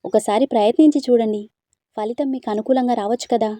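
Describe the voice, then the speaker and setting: A woman voicing a gentle, teasing young man in a storybook reading, earnest and coaxing. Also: a little high, fairly quick, no room sound, natural voice.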